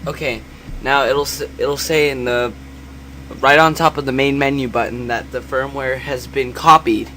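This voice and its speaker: Quiet man giving tutorial, background hum. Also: mid-range voice, steady tone, moderate pace. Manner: quiet, understated delivery. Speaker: tutorial host. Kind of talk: casual spoken software tutorial. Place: indoors at a computer. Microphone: separate microphone, not held close. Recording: noisy room hum, quiet separate mic.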